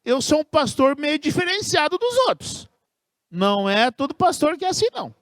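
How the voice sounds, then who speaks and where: A man preaching with a strikingly high voice that rises and falls a lot. He speaks earnestly and with emphasis, pressing down on key words. The sound is dry and close. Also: very animated, fairly bright tone, dry recording. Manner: earnest, emphatic preaching with slow stressed phrases. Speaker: pastor. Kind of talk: sermon.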